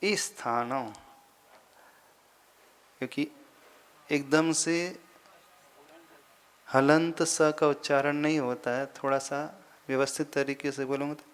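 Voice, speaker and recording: Man, religious teacher, smooth resonant voice, patient, repeats syllables deliberately. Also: medium pitch, level tone. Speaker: Jain monk teaching scripture recitation. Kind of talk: slow explanatory lesson on Sanskrit pronunciation.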